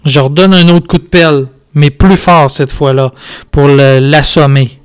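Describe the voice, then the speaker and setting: Playful Quebec French man, higher voice. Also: steady tone, a little slow, smooth. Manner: playful, joking, laughing asides. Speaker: podcast host. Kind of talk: casual chat while playing a game.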